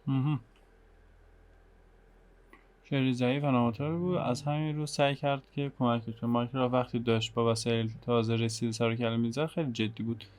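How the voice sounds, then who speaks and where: Fast-talking Iranian man muttering through a game. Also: medium pitch, steady tone, a little mellow. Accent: Iranian Persian. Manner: muttering, thinking aloud. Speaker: game streamer. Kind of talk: casual game walkthrough commentary.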